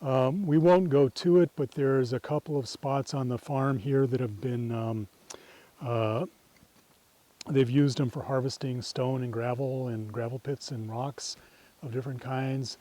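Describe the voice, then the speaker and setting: Unhurried and mellow, with a steady tone at medium pitch, a middle-aged man talks informally while guiding a nature walk on a farm trail outdoors. He sounds reflective and tentative and often trails off as phrases end.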